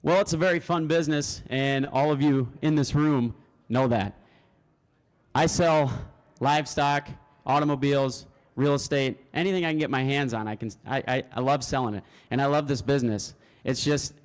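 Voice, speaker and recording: A man's voice: mid-range voice, moderate pace. A man, an auctioneer contestant, giving spoken interview answers to a room. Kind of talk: spoken interview answers before a live audience.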